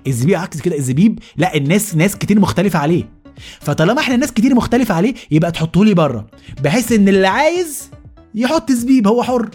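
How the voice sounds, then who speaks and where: A man with an Egyptian accent hosting a comedic rant monologue, animated and exasperated. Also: high-pitched, breathy edge, faint music behind. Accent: Egyptian Arabic. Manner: animated, exasperated, rapid-fire. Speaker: host.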